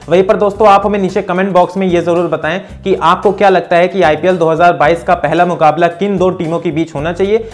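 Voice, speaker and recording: Young man reading cricket news. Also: fairly high pitch. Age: young adult. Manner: brisk, steady news delivery to camera. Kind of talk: scripted news vlog. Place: small indoor room, plain wall. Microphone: lapel mic.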